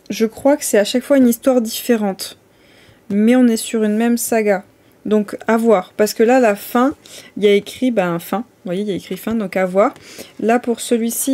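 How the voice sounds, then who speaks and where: Mellow-voiced woman vlogging casually. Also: on the high side. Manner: chatty, hesitant, many fillers and restarts. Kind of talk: casual vlog chat.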